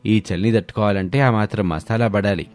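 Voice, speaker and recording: A man's voice: lowish voice, brisk, a little mellow, no room sound, faint music behind, close to an everyday voice. A man voicing an easygoing older father-in-law in a cartoon story who coaxes the family for good food. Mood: coaxing. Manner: coaxing, easygoing.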